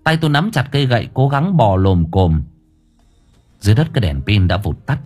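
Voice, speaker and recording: A man narrating a first-person audiobook story in a dramatic, lively way. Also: fairly low pitch, brisk, breathy edge.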